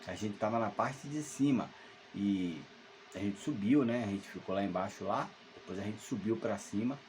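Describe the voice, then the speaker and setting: Sitting alone at home, a Salvador man in his fifties recounts an eerie childhood episode in a casual, meandering way, stumbling over fillers and starting sentences again. He speaks at a moderate pace in a fairly low, slightly mellow voice, with a little background noise.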